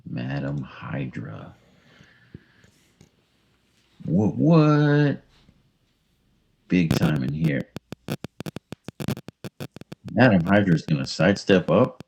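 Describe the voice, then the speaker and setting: A man's voice: very deep voice, lively intonation, moderate pace, darkish tone, slight background noise. A man playing a tabletop miniatures game, calling out his moves in casual chat and joking to his pieces.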